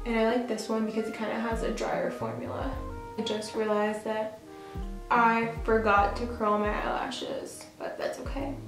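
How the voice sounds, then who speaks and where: A woman's voice: on the high side, flat delivery, moderate pace, roomy sound, music in the background, low-quality recording. A young woman from New York chatting casually while doing her makeup at home, filling her talk with "like". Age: young adult. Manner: chatty, lots of "like" fillers. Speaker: beauty vlogger. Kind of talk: get-ready-with-me chat. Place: bathroom at home.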